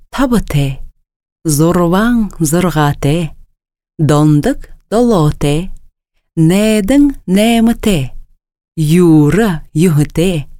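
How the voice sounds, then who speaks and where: A woman's fairly low, mellow voice reads out words and phrases clearly so students can repeat them in a language lesson. She's a native speaker recorded dry on a close studio microphone.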